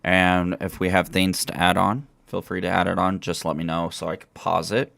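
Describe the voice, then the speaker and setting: A man's voice: low voice, monotone, normal speed, creaky, a bit bright, no echo. A man hosting a casual gaming podcast over an online call, rambling with lots of fillers. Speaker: podcast host.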